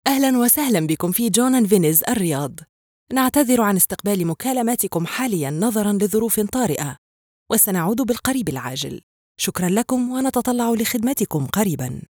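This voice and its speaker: A woman reading scripted phone menu prompts in a polite, formal, clearly enunciated way. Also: mid-range voice, lively intonation, fast talker, a little mellow, no echo, clean studio sound. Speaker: phone system voice prompt announcer.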